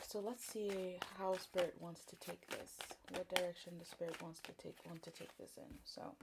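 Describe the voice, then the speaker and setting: A woman from Congo giving a spiritual tarot card reading in a gentle, thoughtful way, often pausing with fillers. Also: lowish voice, very noisy. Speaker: tarot reader.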